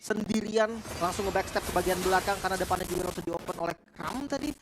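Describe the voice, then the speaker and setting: A woman's voice: on the low side, steady tone, fast talker. Woman commentating esports over noise. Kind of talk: analytical game commentary, conversational. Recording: clearly noisy game broadcast.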